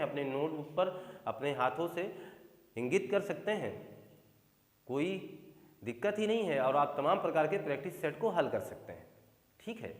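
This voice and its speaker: A man with a fairly high voice teaches grammar for exam preparation. He repeats example sentences over and over and keeps checking whether his listeners follow. The room is echoey, with a long reverb tail. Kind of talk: exam-prep grammar lesson.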